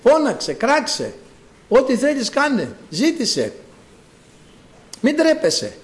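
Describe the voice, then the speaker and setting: A middle-aged man preaching a sermon, acting out quoted voices and swinging from loud to hushed. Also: very high voice, huge pitch swings.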